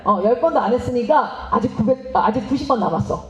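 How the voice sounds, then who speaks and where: A woman missionary giving a lively seminar talk, asking the audience questions and acting out parents and children. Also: a little high, fast. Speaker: missionary speaking at a teachers' seminar. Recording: roomy, slightly dull hall recording.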